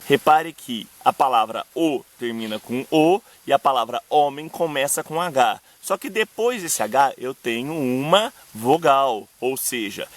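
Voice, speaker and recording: A young Brazilian man with a Brazilian Portuguese accent, hosting a video lesson on poetic meter, speaking to viewers directly and slowing down to recite verse examples. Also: medium pitch. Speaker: poetry teacher and channel host.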